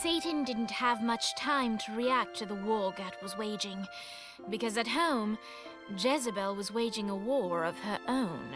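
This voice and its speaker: A woman giving wry, measured scripted narration in game audio over music. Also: a little high, close to an everyday voice.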